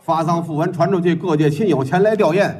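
A man's voice: a little high, fast talker, a little mellow. A man performing xiangsheng crosstalk as the lead comic. He rattles off long rhythmic patter lists and acts out scenes with mimicked sounds.

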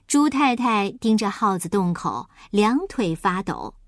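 A woman narrating a children's story in an expressive, lilting storyteller's manner. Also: medium pitch, measured pace, no echo, studio quality.

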